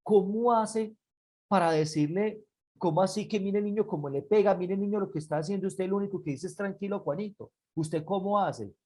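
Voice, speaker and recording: A speaker acting out a nosy, indignant male neighbor in a told joke, firing off quick, exasperated questions. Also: mid-range voice, lively intonation, a little mellow.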